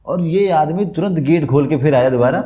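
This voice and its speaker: A man's voice: a little high, moderate pace, a little hiss or hum. A man guesting on a podcast, telling a funny story in casual chat and acting out the lines he quotes. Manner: animated anecdote, acts out quoted lines, laughs a lot.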